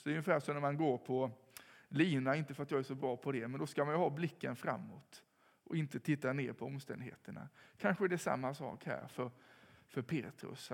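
A man preaches a sermon in a calm, reflective way, building to moments of emphasis. His voice has a gravelly edge, and a long reverb trails after each phrase, as if the sound fills a church hall. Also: medium pitch.

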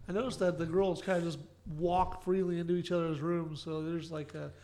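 A man's voice: on the high side, little pitch movement, a little fast, a little mellow, a little hiss or hum. A man casually recapping a sitcom episode for a podcast, filling his summaries with "uh" and "kinda". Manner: summarizes plot with many fillers and "kinda". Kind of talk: casual chat.

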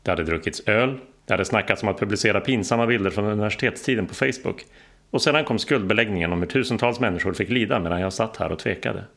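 A man's voice: fairly low pitch, vocal fry, fairly bright tone. A man narrating an audiobook with a dry, wry delivery.

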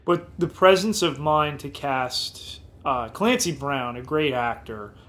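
A man's voice: fairly high pitch, expressive, slow pace, fairly bright tone. A man co-hosting a podcast who speaks in long, rambling, enthusiastic run-on sentences. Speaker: podcast co-host. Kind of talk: casual podcast discussion.

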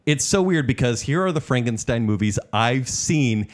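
A man's voice: medium pitch, lively intonation, moderate pace. A middle-aged man co-hosting a casual movie chat, conversational and self-deprecating. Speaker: podcast co-host.

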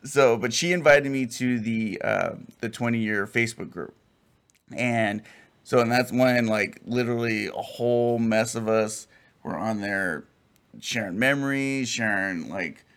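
A man in his late thirties with a gravelly, creaky edge to his voice chats casually. He hesitates often and rambles, restarting his sentences. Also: medium pitch, unhurried, a bit bright. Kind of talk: casual chat.

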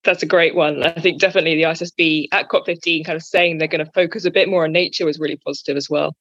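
A woman's voice: deep voice, fairly even intonation, quick pace, a bit bright, dry recording. A woman hosting a podcast in a conversational way. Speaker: podcast host, finance strategy head. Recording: dry, slightly dull audio.

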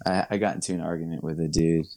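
A man, chatting as a guest in a casual interview, rambling and correcting himself with quick laughs. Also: low-pitched, flat delivery, warm tone. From Long Island, New York. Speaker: musician guest.

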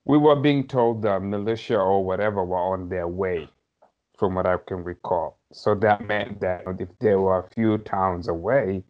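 Reflecting on his childhood as a podcast guest, a Somali man in his thirties speaks at normal speed in a low-pitched, fairly even voice, with frequent hedges and light laughter. His story comes through slightly dull, lo-fi audio.

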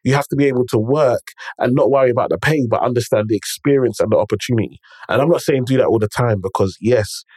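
A man's voice: mid-range voice, fast, a little mellow, husky, no echo. Emphatic London man with urban slang. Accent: London, urban multicultural slang. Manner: emphatic, repeats phrases, frequent rhetorical check-ins. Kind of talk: motivational conversational storytelling.

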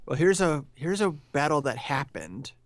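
A thirties-aged man co-hosts a podcast, discussing films casually in a thoughtful, hedging manner and posing probing questions. His voice sits on the high side and is very animated, delivered at a moderate pace with no room sound.

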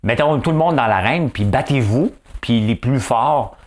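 A man with a Quebec French accent doing a rambling, animated comedic monologue full of fillers and repeated words. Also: medium pitch, normal speed.

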